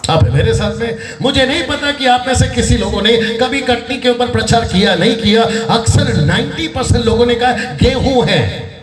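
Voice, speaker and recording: A man's voice: very high-pitched, normal speed, recorded from a distance. A man leading a Bible study sermon, joking and drawing the audience into call-and-response. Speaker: preacher. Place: convention hall. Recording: echoey hall picked up from afar.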